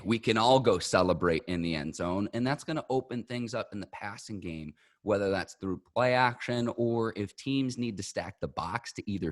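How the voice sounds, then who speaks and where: Male sports podcast host with a fairly low pitch and dry, room-free sound. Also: no echo.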